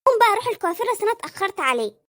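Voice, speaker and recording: Squeaky egyptian cartoon mistress, chipmunk-fast voice, coy and pushy. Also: sing-song, bright, forceful tone, exaggerated voice. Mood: coy demanding. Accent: Egyptian Arabic. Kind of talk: comic cartoon dialogue.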